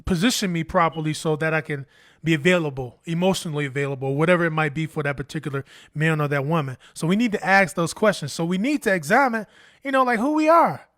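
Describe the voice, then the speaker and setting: High-voiced man giving earnest relationship advice. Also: fast talker, fairly bright tone, no room sound, clean studio sound. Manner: earnest, many "you know" fillers. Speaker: podcast co-host.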